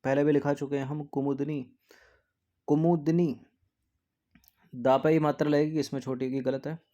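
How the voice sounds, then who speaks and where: A man leads an exam practice lesson, repeating words to drill their spelling and often slipping into a soft, low aside after each answer. His pitch barely moves, his speed is normal, and the recording sounds muffled.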